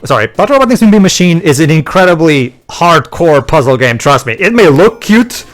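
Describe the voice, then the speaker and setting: A man hosting casual video game commentary, halting and often repeating words as he explains. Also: fairly high pitch, big pitch swings.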